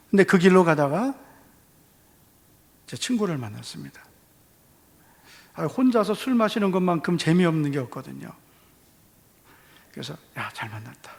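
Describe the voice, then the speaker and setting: A man with a Gyeongsang Korean accent preaching a testimony sermon, telling his story with lively acted-out dialogue. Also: high-pitched. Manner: animated storytelling, acting out dialogue. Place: church hall. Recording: long church reverb.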